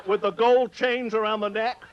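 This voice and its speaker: A man's voice: high voice, flat delivery, moderate pace, muffled recording. A man from Maine with a Maine accent, telling comic stories live in a folksy rustic dialect and teasing his audience. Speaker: humorist telling stories on stage. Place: on stage before an audience.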